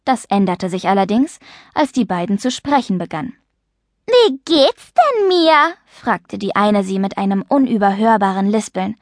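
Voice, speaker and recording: A woman narrating a children's audiobook with clear, lively storytelling. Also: mid-range voice, normal speed, no echo, clean studio sound.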